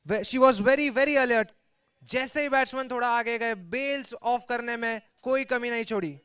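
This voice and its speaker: A man with an Indian accent giving excited live cricket commentary as the match commentator. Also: very high-pitched, unhurried, clear, resonant tone.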